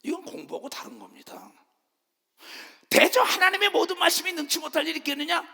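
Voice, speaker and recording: A man preaching a sermon as pastor, swinging between loud shouting and low murmurs and calling the congregation to clap and raise their hands. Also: sing-song, brisk, creaky, in a large hall.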